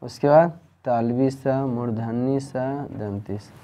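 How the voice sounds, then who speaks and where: A male teacher runs a grammar class, and he speaks slowly and deliberately. He drills his students with repeated questions. The sound is dull and lo-fi, as if recorded in a plain classroom. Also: mid-range voice, mellow. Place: tuition classroom.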